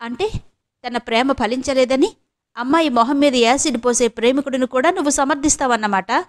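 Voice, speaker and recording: A woman's voice: high voice, fairly quick, close to an everyday voice. A woman voicing an anguished young wife. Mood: heated. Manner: emotional, raised dialogue voice. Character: young woman, anguished, defensive, quick to flare up.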